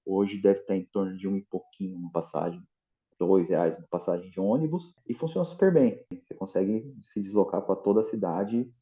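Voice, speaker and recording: A man's voice: sits low, brisk, mellow, highs cut off. A Brazilian man with a Brazilian Portuguese accent, a guest in a casual interview, explaining at length with many restarts and fillers.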